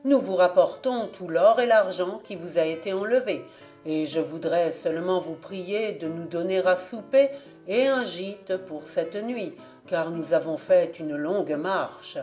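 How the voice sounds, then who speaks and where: A woman's voice: fairly low pitch, unhurried, a little mellow, faint music behind, natural voice. A woman reading a storybook aloud and voicing the polite, earnest young male hero.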